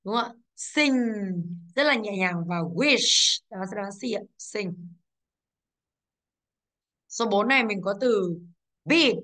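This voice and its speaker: A female English teacher with a mid-range, slightly bright voice works through exercises, explaining every answer and checking in with the class. She pronounces English words with a Vietnamese accent, goes step by step, and confirms understanding with "đúng không ạ".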